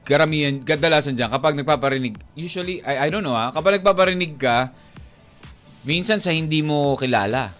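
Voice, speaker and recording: Male Filipino radio co-host, slightly high voice, playful teasing banter, quiet music bed under the talk. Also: animated, fairly quick. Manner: teasing, laughs often, switches between Tagalog and English.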